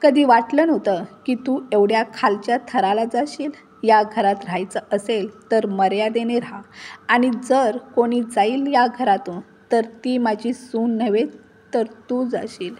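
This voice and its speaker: A fierce, protective older mother-in-law from a storybook, tearful yet indignant, voiced by a woman narrator. Her voice rides slightly high with emotion held close. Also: unhurried, a little mellow.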